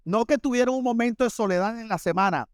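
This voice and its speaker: A man's voice: extremely high pitch, fast talker, clear, resonant tone, dry recording, clean studio sound. A middle-aged man with a Barranquilla coastal Colombian accent, preaching a sermon in a conversational, storytelling way with humorous asides to the congregation. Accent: Colombian Caribbean coast (Barranquilla). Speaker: pastor.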